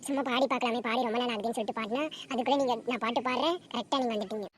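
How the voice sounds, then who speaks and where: A woman voicing a sharp-tongued, quarrelsome housewife in a cartoon comedy, scolding loudly. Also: on the high side, steady tone, natural voice. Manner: fast, scolding, loud.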